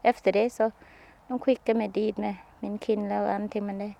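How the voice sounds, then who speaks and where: A woman being interviewed, recounting a personal experience in halting, simple sentences with frequent restarts. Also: medium pitch, level tone, vocal fry, mellow, muffled recording.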